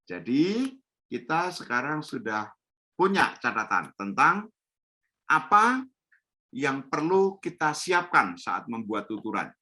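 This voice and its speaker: A man's voice: mid-range voice, very animated, slow, sharp tone. A middle-aged man training teachers in storytelling over a video call from home, explaining in an instructive way and often repeating key points with a tag "ya". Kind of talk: online training webinar.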